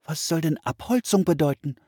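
A man voicing an eager, excitable young girl in a storybook reading, high and breathless. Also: normal speed, slightly rough, no echo, studio quality.

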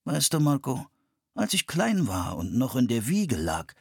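A kindly, calm gentleman speaks slowly and gently, as a man reads him in a storybook. His voice is a bit husky and lilts widely. The sound is close and dry. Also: mid-range voice, dry recording, pitched above the performer's own voice, full character voice. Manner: slow, calm and measured. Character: calm kindly tall man in purple cloak.

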